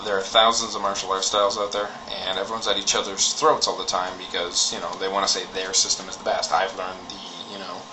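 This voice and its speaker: A man's voice: low voice, flat delivery, fairly quick, few pauses. A man giving a casual, opinionated rant in a blunt, informal way with some swearing. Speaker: martial arts enthusiast giving opinions. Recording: clearly noisy recording with background ambience.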